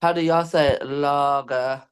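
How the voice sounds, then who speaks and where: A man's voice: a little high, fairly even intonation, slow pace, a loud crowd. A man talking as a podcast guest in casual chat. He thinks aloud and often restarts his sentences. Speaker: guest, tour DJ.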